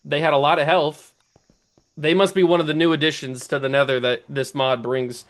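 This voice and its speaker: A man giving casual commentary while playing a game, thinking aloud, talking to enemies, his voice a little rough and strained. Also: a little high, flat delivery, normal speed. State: voice going, clearing throat. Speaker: let's play gamer.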